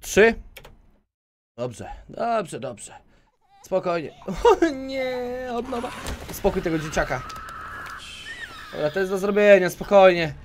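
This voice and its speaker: A man giving let's play commentary, talking to himself and switching between low mutters and sudden yelps. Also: animated, slow, long pauses, a little hiss or hum. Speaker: gaming YouTuber.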